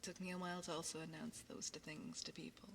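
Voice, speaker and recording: A woman whispering softly into the listener's ear as an ASMR livestream host, chatting casually on a close binaural microphone. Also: low voice, level tone, fast talker, very noisy. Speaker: livestream host, ASMR content creator and voice actor.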